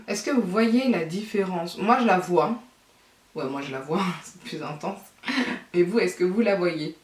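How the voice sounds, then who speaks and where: A woman vlogger talking through a makeup tutorial, chatty and thinking aloud with fillers and asides. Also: medium pitch. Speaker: beauty vlogger. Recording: echoey room, mic at a distance.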